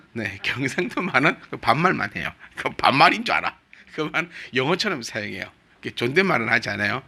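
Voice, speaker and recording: Jeolla-accent pastor guy preaching, really bright voice, pitch jumps all over, leans on slow emphatic lines. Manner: slow, emphatic preaching with drawn-out quoted phrases. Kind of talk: sermon. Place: church sanctuary.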